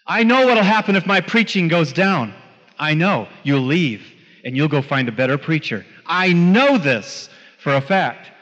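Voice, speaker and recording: High-voiced man preaching in an echoing hall. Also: a little slow, dull audio. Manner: emphatic, animated storyteller with repeated phrases. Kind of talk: storytelling talk to a live audience.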